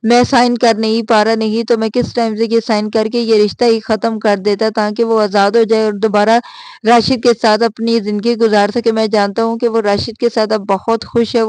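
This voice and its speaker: Woman recapping a tv drama, talks in a pretty flat monotone, dry close sound, slips into the characters' lines. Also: on the high side, dry recording, low-quality recording. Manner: narrates plot, voicing characters' lines in first person. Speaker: drama review host. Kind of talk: retelling a TV drama episode.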